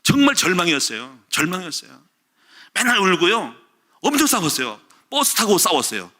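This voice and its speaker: Animated, bright-voiced male pastor preaching. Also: sits high, brisk. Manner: animated storytelling, acting out quoted shouts. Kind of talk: sermon.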